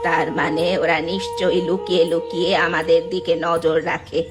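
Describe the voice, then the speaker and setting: A woman voicing a kindly old village woman who speaks in a gentle, soothing, motherly way. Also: on the low side, level tone, normal speed, voice pushed down, natural voice. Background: background music.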